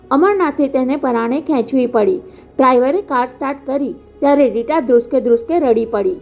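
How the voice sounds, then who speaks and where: A woman narrating a novel chapter as an audiobook in a steady storytelling read. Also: high-pitched. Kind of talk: scripted narration. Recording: dull lo-fi with faint music.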